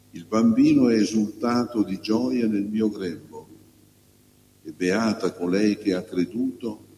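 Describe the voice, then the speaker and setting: Male priest, very low voice, slow deliberate homily, church reverb with faint hum. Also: mellow. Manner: slow, measured, pausing delivery. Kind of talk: gospel reading and homily.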